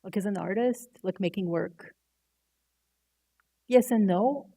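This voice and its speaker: An artist, typographer and university educator whose first language is Croatian answers panel questions thoughtfully and candidly, sometimes searching for words. Her voice is medium-pitched, slow and warm.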